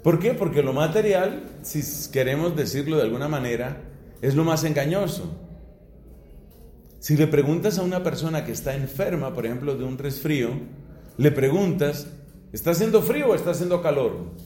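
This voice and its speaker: A middle-aged man from Colombia, a priest, giving a philosophy lecture in a slow, deliberate way with rising emphasis. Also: a little high, mellow. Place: classroom or hall. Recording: echoey room.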